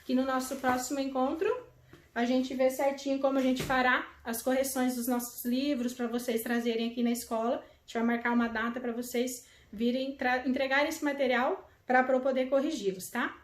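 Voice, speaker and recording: High-voiced Brazilian teacher, echoey room. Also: female voice, flat delivery. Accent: Brazilian Portuguese. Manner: affectionate, explaining slowly with fillers. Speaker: primary school teacher. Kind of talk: video lesson to children.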